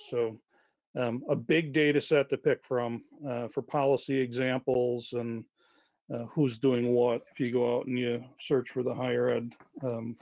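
A man whose voice is going hoarse talks through a webinar in an easygoing, halting way, full of ums and restarts. His voice comes over a dull, lo-fi web call with a dry, close sound and no room around it. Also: medium pitch, darkish tone, dry recording. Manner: informal, halting, many fillers and self-corrections. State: losing his voice. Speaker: webinar guest speaker, university wireless lead. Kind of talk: conversational webinar presentation.

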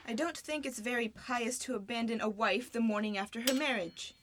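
A woman's voice: a little high, a little fast, heavy background noise, close to an everyday voice. A woman voicing a proud, indignant young princess and new wife in a student radio drama. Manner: haughty, sharp-tongued.

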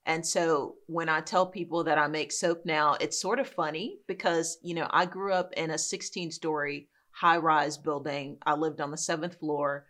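A woman from New York City, a guest in a casual interview, telling her story in a relaxed, self-deprecating way. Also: deep voice, normal speed, few pauses. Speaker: guest, soap business owner.

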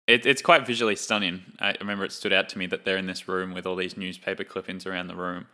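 Bright-voiced young man chatting about films. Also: low-pitched, fast talker. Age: young adult. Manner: relaxed, chatty, laughs while talking. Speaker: film podcast co-host. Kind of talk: casual chat.

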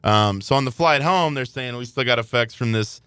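A man's voice: mid-range voice, normal speed, smooth, no room sound. A man, a father and podcast host, telling a story in casual chat and acting out the people in it. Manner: animated storytelling, acts out his kids. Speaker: father of three.

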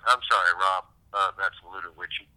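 Bright, fast-talking man over the phone. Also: sits low, steady tone, smooth. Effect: heard over the phone. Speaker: guest artist. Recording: tinny phone line.

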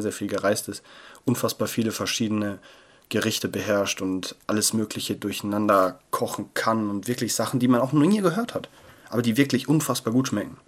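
Young male podcast host, casual and playful, jumps from loud to hushed, close sensitive mic. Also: fairly low pitch. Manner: chatty and playful, swings between loud bursts and near-murmurs. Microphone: sensitive close mic that picks up paper rustle.

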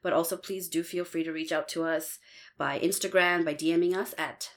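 Low-voiced woman podcast co-host. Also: brisk. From Bangladesh. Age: 20s. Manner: friendly, relaxed, uses many fillers. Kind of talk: casual podcast chat.

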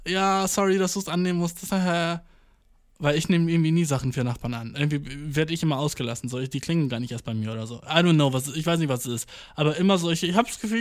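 Slangy young man telling a rambling story. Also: on the high side. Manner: slangy, mixes English words, swears, rambling anecdotes. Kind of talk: casual storytelling monologue.

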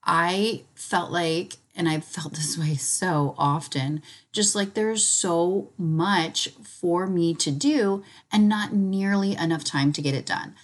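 Slow-paced and fairly low-pitched, the host of a laid-back spiritual podcast talks in a chatty, enthusiastic way, though her voice is a bit raspy and hoarse as if she's been ill.

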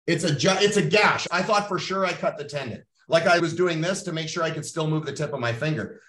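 A blunt, foul-mouthed middle-aged man from Canada gives a motivational talk with a coaching edge. His voice sits a little higher than most men's. It comes from some distance off the mic, and the room rings around him. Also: brisk, fairly bright tone. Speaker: podcast host. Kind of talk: motivational monologue. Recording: roomy sound, mic at a distance.

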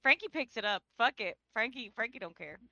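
Woman, tabletop player, high lively voice, bright, dull dry sound. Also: brisk, vocal fry, dry recording. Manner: animated, laughing often. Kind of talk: narrating a tabletop game.

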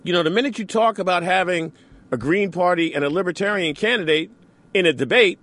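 A man's voice: high voice, fairly quick, fairly bright tone. A man hosting a radio talk show, delivering an opinionated monologue with sarcastic asides. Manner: sarcastic, mocks opponents in mimicking asides.

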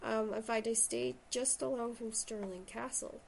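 A woman's voice: a little high, steady tone, moderate pace, creaky, slight background noise. A woman with a Shetland accent chatting casually and enthusiastically about books as a host. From Shetland, Scotland. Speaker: podcast host and writer. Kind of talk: casual book chat.

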